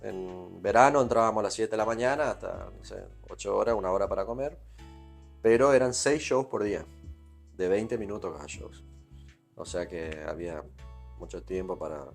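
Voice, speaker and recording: A man's voice: sits low, normal speed, vocal fry, soft background music. A man from Corrientes, Argentina, with an Argentine accent, telling his life story in a casual interview and filling his talk with "¿viste?". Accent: Argentine Spanish, Corrientes. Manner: rambling anecdotes peppered with "¿viste?". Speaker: guest musician.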